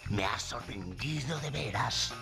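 A man voicing a boastful, menacing male komodo dragon boss in a dubbed video game cutscene, with a gravelly, drawn-out delivery. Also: medium pitch, expressive. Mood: menacing taunt. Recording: game music behind the voice.

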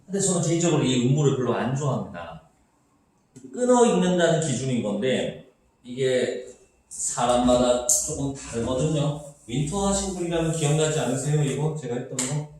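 A man's voice: medium pitch, normal speed. A male Korean literature teacher giving a chatty lecture, asking questions and answering them himself. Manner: animated, chatty, asks and answers his own questions. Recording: echoey room, mic far off.

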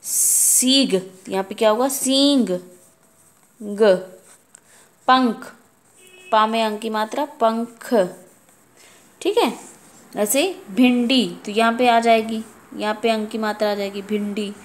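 A woman teaches a kindergarten Hindi lesson at a slow, patient pace. She sounds out each word carefully and asks simple questions about pictures. Her voice sits a little high. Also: fairly even intonation.

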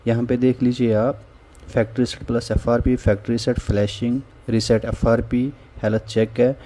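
A mid-range, dark-toned man's voice with little pitch movement moves at a moderate pace. He hosts a phone repair tutorial, casually guiding viewers through a tool in a voice-over on a screen recording, with "theek hai" dropped between steps.

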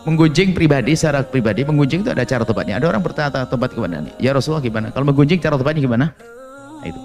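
A man preaching a sermon in an animated storytelling way, acting out little dialogues and laughing along. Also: mid-range voice, very fast, soft background music.

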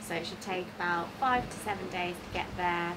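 A woman's voice: on the low side, fairly quick, very noisy. A woman, chatting casually about sailing plans on a catamaran. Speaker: sailing vlogger. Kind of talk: casual chat.

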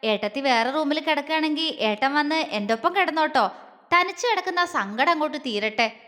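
A woman's voice: high-pitched, expressive, normal speed, bright, forceful tone. A woman voicing a mischievous younger brother who teases playfully. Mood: teasing. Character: teasing cheeky younger brother.

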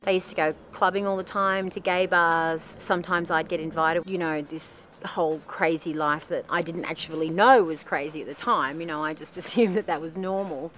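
Candid woman narrating, lowish voice. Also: fairly even intonation, normal speed, few pauses, a bit bright, slight background noise. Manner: chatty, self-deprecating, laughs between phrases. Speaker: documentary filmmaker and narrator.

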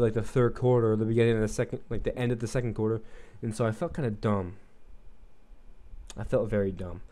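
A young man talks through his match in a loose, rambling way, swearing freely and trailing off with likes and ums. His voice sits low and mellow with a smooth, clean tone, a little froggy in the throat. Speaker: gaming commentator. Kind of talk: casual gameplay commentary.

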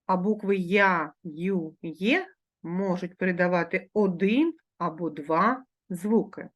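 A woman teacher with a Ukrainian accent giving a remote grammar lesson to schoolchildren, pronouncing sounds and example words slowly and carefully. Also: on the low side, lo-fi sound.

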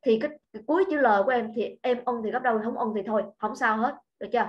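A woman's voice: on the high side, rapid-fire, muffled recording. A woman teaching an English grammar lesson online, explaining step by step and often checking that students follow. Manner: patient, repeats points and checks understanding.

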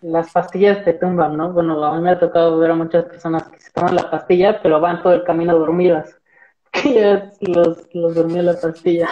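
A young man with a Mexican Spanish accent, a marine biologist guest chatting in a relaxed, rambling way with many fillers over a video call from a small room. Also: on the high side, brisk, muffled recording. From central Mexico. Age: young adult. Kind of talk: casual video-call interview chat. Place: small indoor room with plain wall. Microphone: laptop video call.

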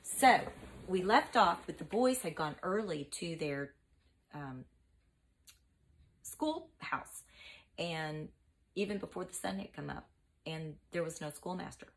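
A woman's voice: on the low side, expressive, takes it slowly, vocal fry, pauses often, low-quality recording. Woman reading a storybook to children. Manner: explains words to young listeners. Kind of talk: reading a children's book aloud.

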